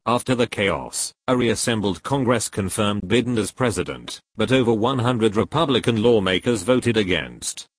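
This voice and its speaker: Low husky male narrator. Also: dry recording. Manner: steady, measured read-out delivery. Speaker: narrator of a political article. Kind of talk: scripted narration.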